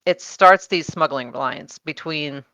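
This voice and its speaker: A woman's voice: deep voice, slow pace, bright, forceful tone, no room sound. A woman co-hosting a podcast, explaining her research in casual chat with many fillers and frequent laughs. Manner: chatty, laughs often, many fillers and restarts.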